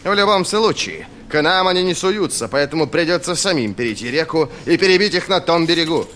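A man's voice: fairly high pitch, lively intonation, fairly quick, fairly bright tone, slight background noise, pitched above the performer's own voice. A man voicing a stern, curt older army commander in an audiobook, speaking bluntly and with authority. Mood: commanding.

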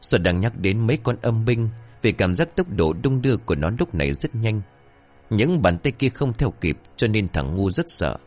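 A man narrating a scripted horror-comedy story in a lively, dramatic way. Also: on the low side.

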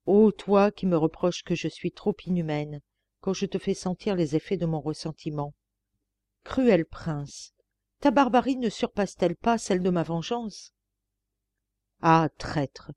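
Storybook sorceress queen, impassioned and theatrical, read by a woman, mellow, dry. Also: fairly low pitch, unhurried, no room sound, lightly acted. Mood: anguished. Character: passionate, cruel sorceress queen pleading with her lover. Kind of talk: audiobook reading of a classic tale.

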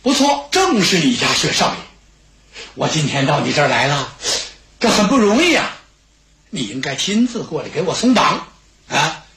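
A man's voice: a little high, big pitch swings, moderate pace, fairly bright tone, reverberant, pitched below the performer's own voice. A male storyteller voicing a brash, cheeky young warrior-heir in a mock-familiar tone. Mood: cocky.

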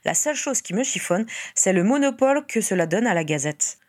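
A woman reading the part of a sharp-minded young witch who reasons things out aloud with lively interest. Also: mid-range voice, a little fast, lightly acted. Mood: reasoning.

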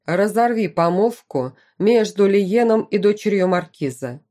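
A woman's voice: mid-range voice, animated, unhurried, mellow, voice pushed up, lightly acted. A woman voicing a stern, commanding middle-aged duke and father in an audiobook. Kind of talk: audiobook character reading.

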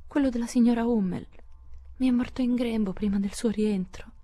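Beth: a woman voicing a gentle, hushed teenage girl. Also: mid-range voice, steady tone, a little fast, vocal fry, slightly rough, pitched above the performer's own voice. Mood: sorrowful. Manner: soft, hushed, near-whispered. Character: gentle shy teenage girl, frightened and sorrowful. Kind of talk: audiobook character voice.

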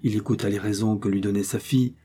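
Low, dark-voiced male narrator. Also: fairly even intonation, slightly rough. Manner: measured, literary reading. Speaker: audiobook reader. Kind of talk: scripted narration.

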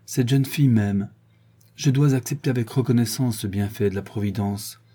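Guy reading an earnest young officer, vain but sure of himself, dark husky voice. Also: mid-range voice, moderate pace, natural voice. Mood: resolute.

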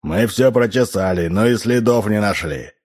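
A man's voice: lowish voice, moderate pace, a little mellow, lightly acted. A man reading an audiobook, voicing a weary, embittered male station chief who speaks bluntly. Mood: bitter. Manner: blunt, bitter.

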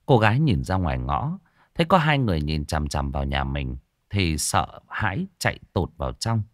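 A man reads an audio story with an animated, expressive voice. His pitch rises and falls freely, and the recording sounds dry and close. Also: normal speed, no echo. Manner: expressive, lively reading. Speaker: audiobook narrator. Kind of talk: storytelling narration.

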